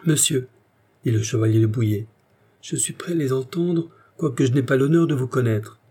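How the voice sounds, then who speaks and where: A young noble officer who speaks with stiff, formal courtesy, as a male narrator puts him on. The voice is husky and mellow. It is an audiobook reading. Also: mid-range voice, moderate pace, close to an everyday voice. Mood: courteous. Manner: courteous, formal, then impatient.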